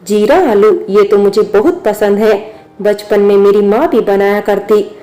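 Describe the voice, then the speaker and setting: A woman voicing a brash young man who drinks, speaking in a flat, sarcastic, bantering way. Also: mid-range voice, measured pace, natural voice. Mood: teasing.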